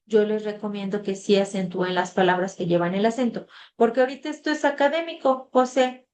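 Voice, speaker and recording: In an online class session, a woman tutor talks casually to her students over a video call, reading the chat aloud and dropping in "este" frequently. Her mid-range voice is fairly quick and a little mellow.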